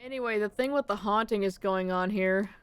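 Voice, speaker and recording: Young woman, game streamer, casual, self-mocking, smooth, mid-pitched. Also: brisk. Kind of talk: casual live game commentary.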